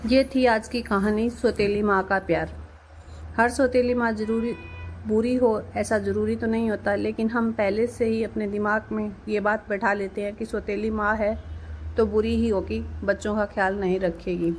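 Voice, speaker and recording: A young adult woman narrating a family story in a gentle, measured storybook manner. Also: mid-range voice, flat delivery, slight background noise, low-quality recording.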